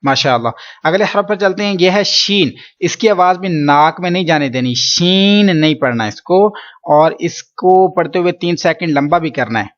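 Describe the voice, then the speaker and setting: A man teaching Quran letter pronunciation, patiently explaining and drawing each sound out slowly for students to repeat. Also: fairly high pitch, lo-fi sound. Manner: slow drawn-out letter drills, patient explaining. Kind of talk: pronunciation lesson.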